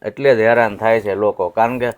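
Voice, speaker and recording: A man's voice: fairly low pitch, steady tone, fairly quick, clear, resonant tone, dull audio. A man arguing his point in a casual discussion about family quarrels. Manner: argumentative, explaining.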